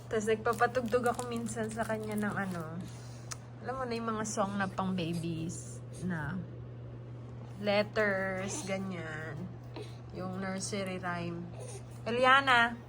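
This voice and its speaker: At home, a young Filipina woman coos and coaxes her infant daughter in sing-song baby talk, mixing Tagalog and English. Her medium-pitched voice is slow with long pauses, and background noise can be heard.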